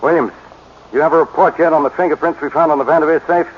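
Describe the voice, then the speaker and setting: An actor playing a gruff, irritable, impatient police inspector with an American accent in a 1940s radio detective drama, curt and exasperated. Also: male voice, on the high side, steady tone, fast talker. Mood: irritated. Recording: dull, noisy 1940s radio recording.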